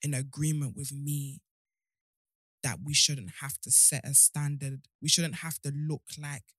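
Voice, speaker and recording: Talking a little slowly in a low, steady, slightly bright voice, a young woman appears as a guest, and also as show host, on a casual podcast. She is open and outspoken and tends to hop between points. The sound is clean, studio quality, with no echo.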